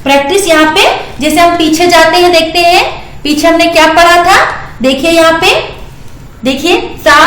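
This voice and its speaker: A high-voiced woman teaches young children at an unhurried pace, stretching out and repeating each syllable. Her patient lesson sounds echoey, as if recorded in a bare room. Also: fairly bright tone.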